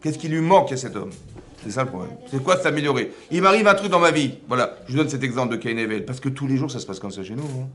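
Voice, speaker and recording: A man teaching a religious class, animated, asking many rhetorical questions. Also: medium pitch, fast talker. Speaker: rabbi teaching a women's class. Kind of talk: religious lecture.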